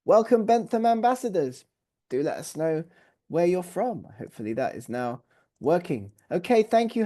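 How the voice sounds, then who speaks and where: An English man hosting a live webinar through a video call mic. He speaks in an upbeat, welcoming way, with a mellow, warm tone, and keeps calling things fantastic. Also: sits high. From England. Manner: upbeat and welcoming, lots of praise words. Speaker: webinar host.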